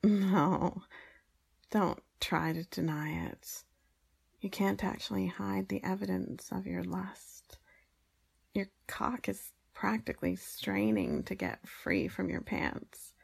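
Casting: woman to play adult woman as a grudging, teasing maid in intimate audio role-play; heavy vocal fry, husky, unhurried. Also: on the low side, animated, full character voice. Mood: smug, teasing.

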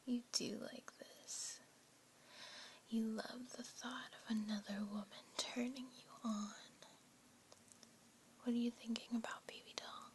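A woman performing a whispered role-play as a tender but dominant, seductive lover, in a breathy, coaxing way. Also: a little high, level tone, slow pace, long pauses. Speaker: audio role-play performer in an adult scene.

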